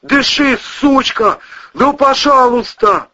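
A man's voice: very high-pitched, slow pace, sharp tone, voice pushed up, exaggerated voice. A man voicing a burly, hot-tempered cousin who bellows and curses, on a muffled lo-fi recording. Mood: frantic yelling. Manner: bellowing and cursing.

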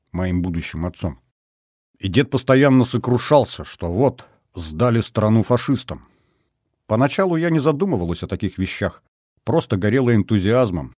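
A man reading an audiobook, voicing a composed young female counterintelligence officer who speaks in a measured, earnest way. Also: on the low side, warm tone, dry recording, studio quality.

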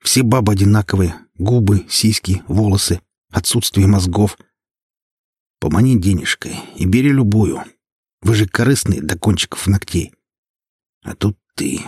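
A man voicing a cold, menacing gangster boss in his forties who talks in a slow, flat, contemptuous way in an audiobook. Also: fairly low pitch, slightly rough, no room sound, studio quality. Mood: bitter.

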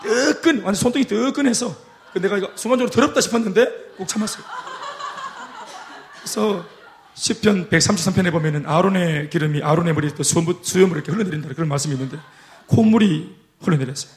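A male pastor, telling a story in a lively, humorous sermon and acting out what people said. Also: high-pitched, fast, slight background noise. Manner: lively, humorous, acts out quotes. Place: church.

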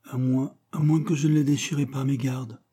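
A man's voice: mid-range voice, little pitch movement, moderate pace, warm tone, slightly rough, voice pushed up, lightly acted. A man voicing a worried mill owner who exclaims in alarm, read in an audiobook. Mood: puzzled, alarmed. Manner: agitated, exclaiming.

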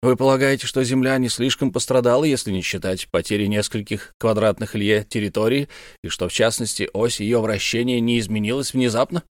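A man's voice: mid-range voice, fairly even intonation, fairly quick, no echo, clean studio sound, lightly acted. A man voicing a courteous male army captain who speaks in a polite, conversational way in an audiobook.

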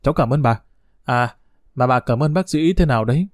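A man voicing a brash, defiant young father who talks bluntly and rough-spoken. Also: medium pitch, brisk, no echo, studio quality, natural voice.

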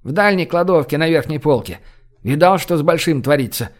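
A male narrator voicing a brash, joking man who leads the group and talks in a loud, bossy way. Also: on the high side, lively intonation, brisk, natural voice.

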